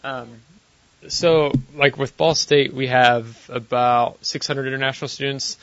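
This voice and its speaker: A man's voice: medium pitch, flat delivery, a little slow. A man on a casual panel, rambling with many filler words about volunteering on campus. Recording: dry, slightly dull recording.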